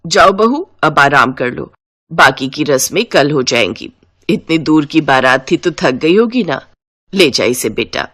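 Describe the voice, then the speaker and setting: A woman's voice: low-pitched, sing-song, measured pace, fairly bright tone, voice pushed down, heavily acted. A woman voicing a fussy older mother-in-law who gives orders and complains about the cold, in a comic storybook. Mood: welcoming. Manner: commanding, then whiny.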